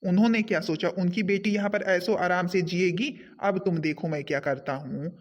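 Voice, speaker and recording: A man's voice: high voice, steady tone, normal speed, dull audio, natural voice. A man voicing an angry young husband who sternly scolds his wife in a homemade cartoon. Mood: contemptuous.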